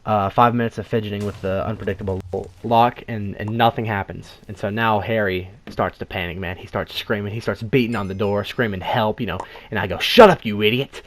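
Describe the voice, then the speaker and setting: A man narrates a storytime video at a rapid clip, his voice sitting a bit low. He rambles with lots of asides and "you know" fillers and throws in dry jokes as he goes. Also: steady tone.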